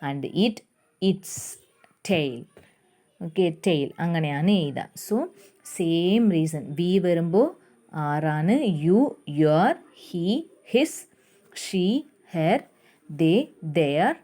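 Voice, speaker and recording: A woman's voice: low-pitched, warm tone. A woman teacher with a Malayali English accent explaining grammar in a classroom lesson, mixing Malayalam and English and checking in with the class.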